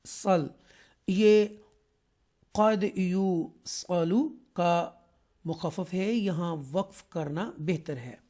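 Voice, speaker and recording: A man from Pakistan teaching an online Quran lesson, explaining slowly and carefully with many drawn-out fillers. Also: sits high, dark tone.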